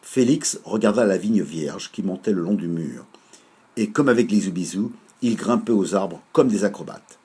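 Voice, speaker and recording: Low-voiced man reading a children's story. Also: slightly rough. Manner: measured, lively narration.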